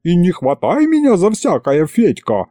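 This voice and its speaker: Man doing a loud, hot-tempered old village woman. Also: a little high, wildly swooping pitch, normal speed, dry recording, pitched above the performer's own voice. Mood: outraged. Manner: wailing, folksy and indignant.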